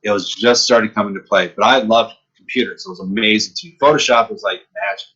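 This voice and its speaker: Husky bright-voiced man from upstate New York. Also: fairly low pitch, quick pace, highs cut off. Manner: lively storyteller who acts out quoted exchanges. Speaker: podcast guest, comic book artist. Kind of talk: casual storytelling chat.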